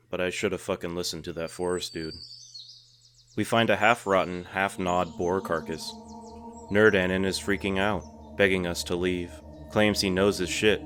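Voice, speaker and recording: A man calmly narrating a scripted horror story in an unhurried storytelling manner. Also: low-pitched. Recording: narration over clear background music.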